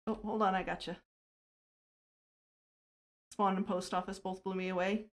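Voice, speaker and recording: A woman's voice: mid-range voice, little pitch movement, moderate pace. Chatty woman streamer, laughing often. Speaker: livestreamer and server host. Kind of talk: casual livestream chat while playing a game.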